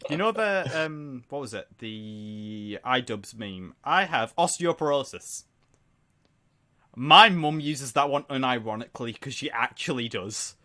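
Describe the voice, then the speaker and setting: A young man chats on a live-streamed podcast, rambling from one story to the next. His voice is bright and a bit tense. He often talks over his co-host. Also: mid-range voice, expressive, measured pace, few pauses. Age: young adult. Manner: rambling, chatty, talks over the other speaker. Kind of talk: casual chat on a live stream.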